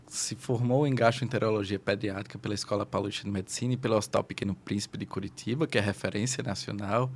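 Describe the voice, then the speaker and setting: A man with a Brazilian Portuguese accent and a rather low voice hosts a pediatrics podcast. He talks in a friendly, conversational way and often affirms his guest. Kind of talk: podcast interview.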